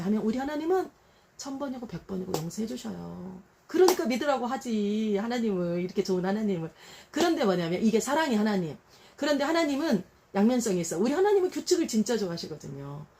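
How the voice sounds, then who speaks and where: A middle-aged woman preacher giving a devotional Bible talk, conversational and full of rhetorical questions, acting out quotes in a raised voice. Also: mid-range voice. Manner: animated, acts out quotes in a raised voice.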